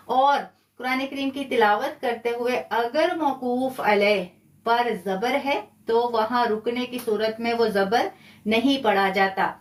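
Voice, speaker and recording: A woman teaches a live online lesson in a high, clear voice. She explains each point patiently and step by step, slowing right down to draw out the example words. The sound is roomy and a little distant from the microphone. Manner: slow, drawn-out recitation of example words. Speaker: Quran teacher. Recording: roomy, a bit far from the mic.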